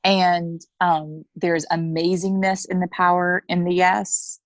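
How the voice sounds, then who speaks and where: In a candid conversational interview, a thirtysomething coaching client speaks slowly and frankly in a lowish voice with little pitch movement, acting out small bits of dialogue as she goes. The audio has no echo.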